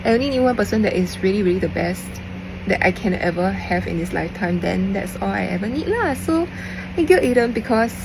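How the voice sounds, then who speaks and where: A woman's voice: lively intonation, brisk, gravelly. A young adult woman with a Singaporean accent speaking casually and emphatically in a personal voice message, repeating phrases, adding Singlish particles and slipping into Mandarin. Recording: noisy, vehicle-like background rumble.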